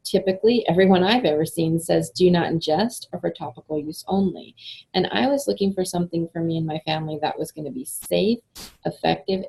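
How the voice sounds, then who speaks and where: A middle-aged woman talking in a casual, upbeat way, as if leading an online class. Her voice is a little low, with a gravelly, husky edge and a warm, mellow tone. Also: poor audio. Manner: chatty, enthusiastic, frequent fillers and laughs. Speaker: essential oils presenter.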